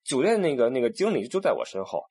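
A man's voice: medium pitch, quick pace, slightly rough. A man, a tour guide telling stories in a casual monologue, with many restarts. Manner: animated, acts out quoted people, many restarts.

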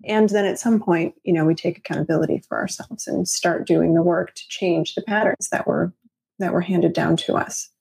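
A woman talking in a podcast conversation, explaining things in a measured way and laughing easily. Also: lowish voice, fairly even intonation, creaky, darkish tone, slightly rough.

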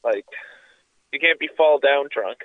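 On a podcast, a male co-host chats casually, rambling, swearing and piling on fillers while sounding congested, coughing and nursing a sore throat. His voice is medium-pitched and unhurried. The audio has no echo and phone-quality sound.

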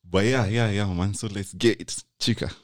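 A man's voice: on the low side, fairly even intonation, moderate pace, dry recording. A young man with a Kenyan accent co-hosting a podcast in casual, slangy banter. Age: young adult. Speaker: podcast co-host.

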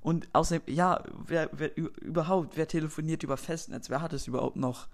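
A man's voice: medium pitch, slow. A man playing an annoyed young man who hates phone calls, stammering through exasperated complaints. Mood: irritated.

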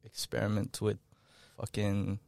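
A man's voice: lowish voice, monotone, measured pace, creaky, darkish tone, no echo, studio quality. Rambling sweary teenage guy. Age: late teens. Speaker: podcast guest. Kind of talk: casual chat. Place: small studio room.

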